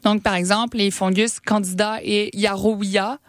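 A woman's voice: medium pitch, flat delivery, moderate pace, no echo, studio quality. A woman with a Québécois French accent, hosting a casual science chat and explaining things with frequent hesitations. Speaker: science podcast host.

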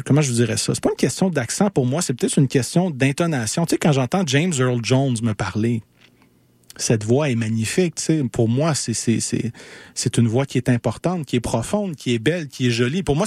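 A man with a Québécois French accent hosts a talk show, musing casually. He rambles, hesitates and restarts his sentences often in an average-pitched voice. The sound is dry and close, with no room around it. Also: darkish tone, no echo. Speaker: podcast host. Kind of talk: casual commentary.

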